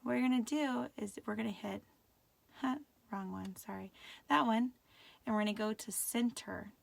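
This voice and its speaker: A woman's voice: fairly high pitch, normal speed, gravelly. A middle-aged woman teaching a live craft tutorial, patient and often checking that viewers can follow.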